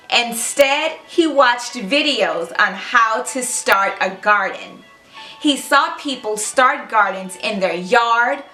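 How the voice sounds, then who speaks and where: A woman hosts a children's read-aloud, narrating in an animated, expressive storybook style and addressing young listeners directly. Her voice is on the high side, and the recording is rough, in an echoey room.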